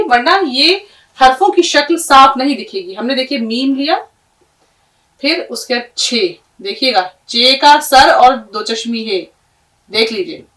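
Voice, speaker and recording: A woman teaching script, spelling out words letter by letter in a patient, slow way. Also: fairly high pitch, fairly bright tone, distant mic. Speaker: Urdu teacher. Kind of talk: spelling lesson, writing on screen.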